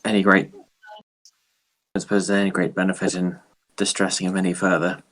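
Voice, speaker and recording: A man at a tabletop game, talking through his plans in a tentative way and often doubling his words. His voice is low. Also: monotone, a little fast, fairly bright tone, rough recording. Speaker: player. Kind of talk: tabletop role-play.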